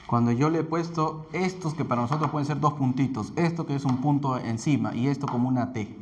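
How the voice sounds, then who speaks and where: A man's voice: medium pitch, brisk, a little hiss or hum. A man with a Peruvian Spanish accent teaching a Bible institute class, talking conversationally, repeating himself and correcting himself with fillers. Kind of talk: classroom lecture.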